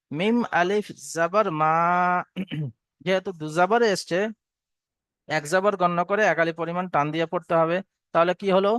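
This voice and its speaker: A man teaching Quran recitation to students, spelling out each letter and vowel and then chanting the verse slowly. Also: high-pitched, fairly bright tone, clear, resonant tone, no room sound. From Bengal.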